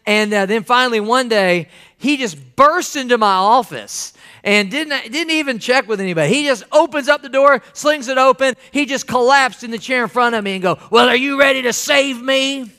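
A man preaching a sermon as pastor, animated, acting out quotes and dropping folksy asides to the church. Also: extremely high pitch, moderate pace, clear, resonant tone.

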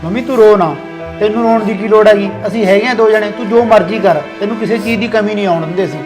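A man's voice: high-pitched, fast, close to an everyday voice. A man acting an elder brother who insistently reasons with his family to settle a household quarrel. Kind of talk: family comedy skit acting. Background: music.

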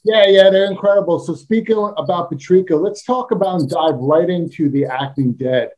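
A man with a Brooklyn accent hosting a casual interview over a video call, jokey and quick to laugh. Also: high-pitched, a little mellow. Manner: jokey, playful, laughs often. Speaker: host.

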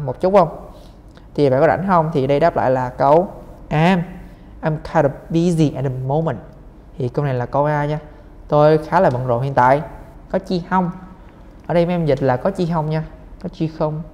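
A man's voice: a little high, dark tone, in a large hall. A young man teaching English, patiently going through exam answers step by step and speaking directly to his students. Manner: patient, step-by-step explaining, addressing students as "mấy em".

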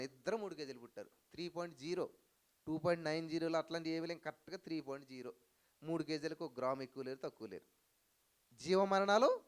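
A male pastor preaching a sermon to a live congregation, with rhetorical questions and loud hallelujah cries. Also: sits high, clean tone. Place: church hall with live audience.

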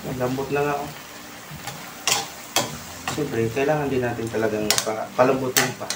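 A man with a Filipino accent hosting a casual cooking vlog, chatting and giving shout-outs to viewers while he stirs a pan. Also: mid-range voice, fairly even intonation, normal speed, very noisy. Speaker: cooking vlogger. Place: home kitchen, indoors, at a stove. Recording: roomy kitchen with loud sizzling and clattering pans.

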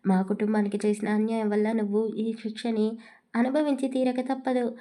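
A woman's voice: fairly high pitch, level tone, normal speed, warm tone, lightly acted. A woman reading the lines of a stern, vengeful young husband in a storybook, speaking firmly and commandingly. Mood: cold. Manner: commanding, cold, firm.

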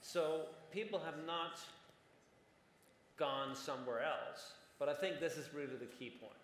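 On stage in a big conference hall with long, roomy reverb, a panelist in his forties gives lengthy explanations peppered with "right?" tags. His voice is a little high and fairly bright, his pace measured, with a little hiss or hum on the recording.

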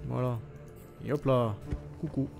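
A man giving loose gameplay commentary in a mid-pitched voice. He sounds sarcastic, swears freely and mutters asides as he plays, with faint game music underneath. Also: steady tone, measured pace, creaky. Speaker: gaming video host.

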